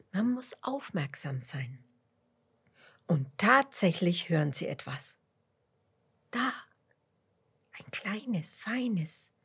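Soft slow-reading woman storyteller. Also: on the low side, slightly rough. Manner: soft half-whispered, slow and gentle. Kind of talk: children's bedtime story narration.

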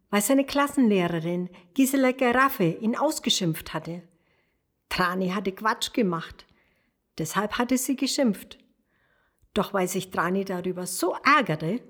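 A woman reading a children's story aloud, soft and expressive, addressing the young listener. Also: medium pitch.

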